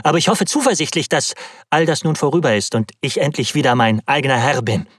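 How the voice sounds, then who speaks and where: A man's voice: mid-range voice, animated, fast talker, a bit bright, breathy edge, no room sound, clean studio sound, pitched above the performer's own voice. A man voicing an overwrought young male scientist, strained and on edge after sleepless nights of work. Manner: tense, breaking into frantic cries.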